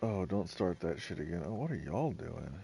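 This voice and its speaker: A man's voice: low-pitched, big pitch swings, moderate pace, creaky, dark tone, a little hiss or hum. A man streaming a game live, breaking into fits of laughter and swearing in disbelief. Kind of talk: live gameplay commentary.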